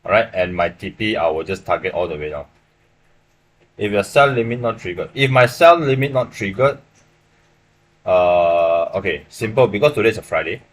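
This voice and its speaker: A man's voice: low voice, moderate pace. A young man from Malaysia with a Malaysian English accent, casually walking viewers through his trades on a live stream and often checking in with "right?". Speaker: livestream forex trader. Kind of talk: live trading stream commentary. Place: small room indoors.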